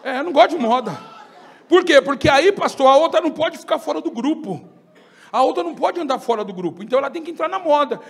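A Brazilian pastor preaching a fiery sermon at a church congress, breaking into shouted bursts and acting out the voices he quotes. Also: very high voice, lively intonation, fast, gravelly, some chatter behind.

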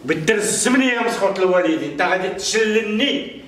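A man playing an angry mother who scolds her grown son, with a Moroccan accent and sharp shouted rebukes. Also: sits high, animated, quick pace. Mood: exasperated. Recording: echoey room, far from the mic, noisy.

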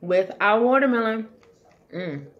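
A woman hosting a relaxed family vlog talks with her mouth full of fruit. Her speech is chewy and muffled, but her pitch still swings up and down in a lively way. She talks slowly and playfully. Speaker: vlogger, mother. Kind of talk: casual family vlog chat.

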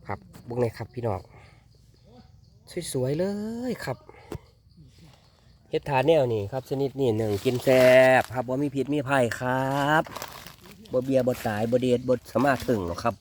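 A man with an Isan Thai accent, narrating a casual foraging vlog in a forest and calling out excitedly to his viewers. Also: mid-range voice, normal speed, pauses often, a little hiss or hum. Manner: excited exclamations, addressing viewers as brothers and sisters. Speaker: foraging vlogger. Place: forest outdoors.

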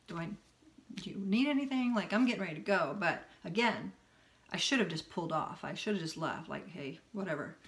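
Candid storytelling woman, low voice. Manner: candid, animated, talks in long run-on sentences. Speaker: spiritual healing vlogger. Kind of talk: casual personal storytelling.

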